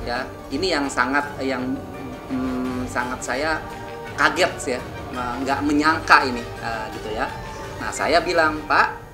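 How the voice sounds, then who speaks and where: Older man in a halting, agitated retelling. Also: mid-range voice. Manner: halting, many restarts, voice rising when agitated. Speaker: interviewee. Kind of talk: emotional interview retelling. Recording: echoey room with background music.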